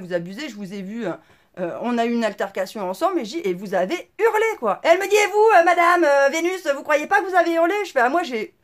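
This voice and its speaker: A woman with a high-pitched voice tells her viewers about her grievances in a blunt, indignant rant. She uses crude slang, stumbles over her words and pads them with fillers, and sounds like a middle-aged person speaking off the cuff. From France. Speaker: vlogger. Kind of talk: casual storytelling rant to viewers.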